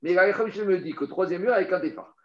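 Man, Talmud teacher, study lesson, step-by-step explaining, repeats words, slightly high voice, dull lo-fi sound. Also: racing, reverberant. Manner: explains step by step, addresses the listener directly; repeats words while searching for phrasing.

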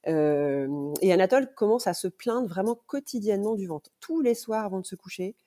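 A woman's voice: mid-range voice, expressive, normal speed, mellow. A woman in her thirties, a mother recounting events as a podcast guest, in a hesitant way with many fillers and restarts. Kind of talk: casual storytelling interview.

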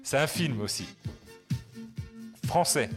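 A man's voice: mid-range voice, expressive, takes it slowly. A man in his forties hosting a casual music blind test, teasing the players and humming bits of songs. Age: 40s. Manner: teasing, hums and sings snippets of songs. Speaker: host running a music quiz.

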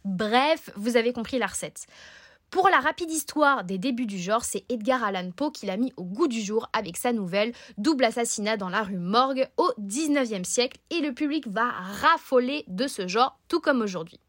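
A woman's voice: on the high side, animated, normal speed, a bit bright, no echo, clean studio sound. A woman presenting a scripted book podcast chronicle, breaking it up with playful, self-mocking asides.

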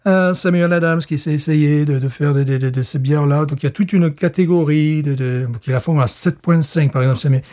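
A man's voice: on the high side, a little fast, hardly any pauses, a little mellow. A man with a slightly raised voice talks loosely and chattily on a podcast. He wanders through his explanations, stumbling over words, repeating himself and chuckling along the way. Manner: rambling and hesitant, laughs often and repeats "voilà". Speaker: podcast co-host presenting a beer. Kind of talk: casual chat.

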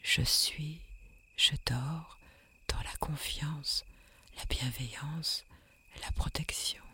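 A woman leading a guided sleep meditation in a soft, soothing, breathy whisper with long hypnotic pauses. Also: low voice, steady tone, dry recording.

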